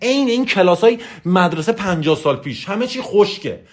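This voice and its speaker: A man giving a motivational lecture as a success coach, forceful and emphatic, raising his voice and firing off lists. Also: sits high, expressive. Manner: repetitive, rapid-fire lists.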